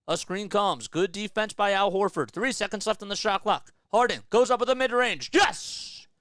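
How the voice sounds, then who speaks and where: Excitable male fan calling a game. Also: high-pitched, clear, resonant tone, no room sound, clean studio sound. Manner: excitable, yells at big plays, drops to a hushed mutter between plays. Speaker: fan play-by-play streamer. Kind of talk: live fan play-by-play commentary.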